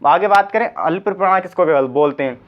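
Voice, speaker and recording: A man's voice: high voice, brisk. A man teaching a grammar lesson for exam prep, repeating each point and asking rhetorical questions before he answers them. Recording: slightly dull lo-fi sound.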